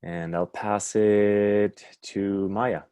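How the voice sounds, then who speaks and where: Deep, flat-voiced man from Germany. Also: drawn-out words, smooth, no room sound. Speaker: participant. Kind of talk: personal introduction.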